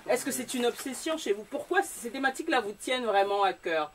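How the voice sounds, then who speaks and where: A woman columnist questioning a guest author on a discussion show, in a lively manner, quick to laugh. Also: fairly high pitch. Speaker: columnist host. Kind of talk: talk-show interview. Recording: distant mic with faint room noise.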